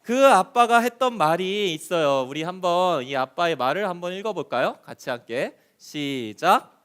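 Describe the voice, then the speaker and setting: Animated man telling kids a Bible story. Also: sits high, normal speed, clear, resonant tone. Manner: animated, asks children questions. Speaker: children's pastor. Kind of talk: children's sermon storytelling.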